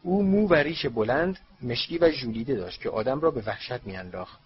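A man narrating a storybook audiobook in a steady reading voice, on a dull lo-fi recording. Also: mid-range voice.

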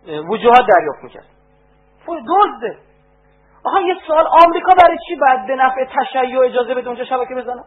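Animated preaching man on a tinny line. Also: very high voice. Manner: animated, rising to emphatic outbursts. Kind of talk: religious lecture. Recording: tinny phone-like band with faint hum.

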